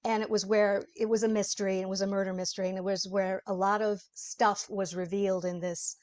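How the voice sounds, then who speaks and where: Interview guest: woman voice actor, mid-pitched, chatty and explanatory. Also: flat delivery, a little fast. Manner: chatty, explanatory, laughs often. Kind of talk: interview conversation.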